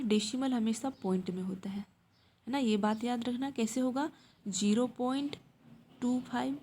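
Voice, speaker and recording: Woman, math teacher, classroom lesson, quizzes the class, answers herself, slightly high voice. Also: warm tone. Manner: repeats questions to the class, answers them herself; frequent checks like "samajh mein aaya?".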